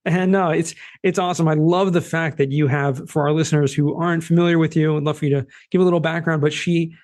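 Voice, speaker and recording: A man's voice: on the high side, fairly even intonation, fast talker, darkish tone. A man with a Boston accent hosting a podcast interview, talking loosely with lots of fillers. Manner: loose, chatty, with many fillers. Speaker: podcast host. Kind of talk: casual interview chat.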